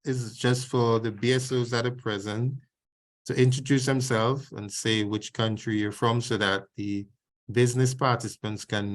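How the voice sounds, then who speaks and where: A man hosting an online information session over a video call, speaking in a formal, measured way with frequent restarts. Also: fairly low pitch. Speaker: programme host.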